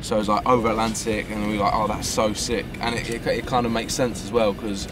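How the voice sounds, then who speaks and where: A young man with a London accent chatting casually with bandmates, full of "like" fillers and quick laughs. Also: on the low side, little pitch movement, music in the background. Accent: London English. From England. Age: young adult. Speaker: band member. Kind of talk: casual group chat. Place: inside a van at night.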